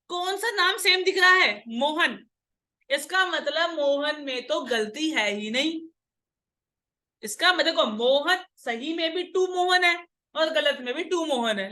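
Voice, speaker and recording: A woman lecturing a classroom on accounting entries. Her voice sits high and sounds bright and sharp. She drills the students with quick questions and teases them for their mistakes. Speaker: accounts teacher.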